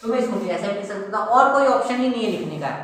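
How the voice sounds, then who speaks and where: A man's voice: sits high, lively intonation, fast talker, a bit bright, distant mic, slight background noise. A man teaching maths, explaining step by step and asking his students questions that he then answers himself. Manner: asks the class questions and answers them himself, repeats "okay" and "simple thing". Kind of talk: explaining a whiteboard lesson. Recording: very echoey room, voice from off the mic.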